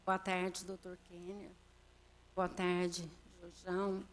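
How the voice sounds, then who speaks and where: A woman giving nervous, halting testimony as an invited guest at a council committee meeting, with many fillers and restarts. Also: on the low side, completely flat delivery. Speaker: invited guest making complaints. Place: council chamber.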